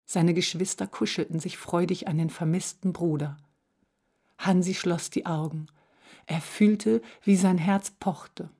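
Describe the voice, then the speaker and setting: A woman narrating a children's storybook in a calm, measured reading voice. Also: lowish voice, husky.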